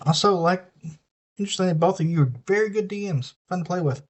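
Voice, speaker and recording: A man's voice: sits high, fast. A man with a Southern US accent chatting casually and swearing freely while he builds an electronics kit on a live stream.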